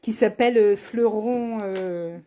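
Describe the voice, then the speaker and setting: A woman's voice: mid-range voice, takes it slowly, mellow. A woman running a live card-making tutorial as a craft demonstrator, chatty and teasing, speaking to viewers by name. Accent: has an accent, not named.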